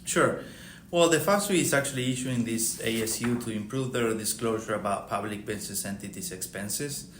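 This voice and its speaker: A middle-aged Argentine-accented man, a partner at an accounting firm, appears as an expert podcast guest and gives a prepared technical explanation in a formal, methodical manner. His voice is medium-pitched at a normal speed, recorded with roomy echo and faint background noise.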